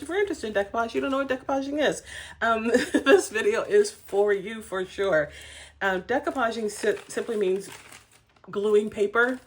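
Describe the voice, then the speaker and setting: A woman hosting a casual craft tutorial at home, talking in a chatty, rambling way with frequent ums and light laughs. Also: fairly low pitch. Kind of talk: casual how-to demonstration.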